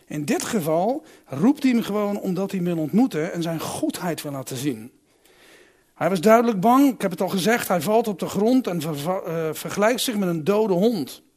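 A man preaching a sermon who asks his listeners direct questions and swings between loud emphatic calls and quiet reflective asides. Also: sits high, lively intonation, normal speed.

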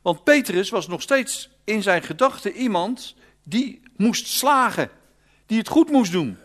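A male preacher, giving an animated storytelling sermon that swings from loud to hushed. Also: high voice, measured pace.

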